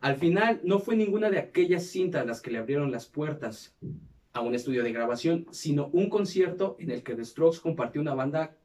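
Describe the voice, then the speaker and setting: A man's voice: on the high side, lively intonation, moderate pace, a little mellow, recorded from a distance. A man with a Mexican accent, hosting a casual podcast and telling a band's history, with heavy slang and crude banter. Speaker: podcast host. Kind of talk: casual chat, reading history.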